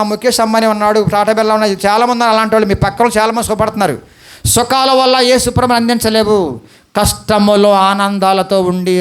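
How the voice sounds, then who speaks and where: A man's voice: high-pitched, clean tone. A male pastor with an Andhra Telugu accent preaching a sermon, pleading with the congregation and firing questions at them.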